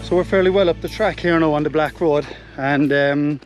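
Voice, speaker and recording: A man's voice: on the high side, over music. Irish man talking while hiking. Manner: relaxed and explanatory, with filler pauses. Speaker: hiking vlogger. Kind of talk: casual walking commentary. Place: open mountainside outdoors. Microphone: camera held at arm's length.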